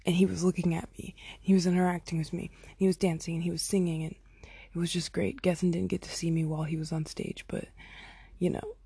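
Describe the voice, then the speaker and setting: Chatty young woman with a husky voice. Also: lowish voice, flat delivery, fast, warm tone, no room sound. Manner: chatty, lots of "like" and "oh my God", acts out quotes. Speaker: podcaster telling a concert story. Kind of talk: casual storytelling. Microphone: phone.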